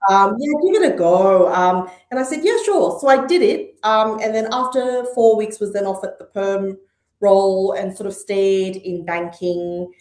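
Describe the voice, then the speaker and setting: Speaking at normal speed with a medium pitch and darkish tone, a middle-aged woman from Malaysia and Hong Kong appears as a podcast guest. Her talk is a thoughtful, conversational interview with frequent ums and uhs, in an echoey room.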